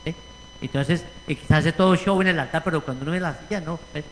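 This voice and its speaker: Man, Puerto Rican accent, pastor, high voice, animated sermon, echoing church hall. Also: fast talker, a little hiss or hum. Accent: Puerto Rican Spanish. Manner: animated preaching, acting out quoted voices. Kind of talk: sermon with congregation discussion. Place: church sanctuary.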